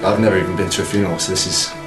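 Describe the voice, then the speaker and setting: A man speaking as an officer cadet, quiet and candid. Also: low voice, steady tone, racing. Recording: far off, echoey, loud music.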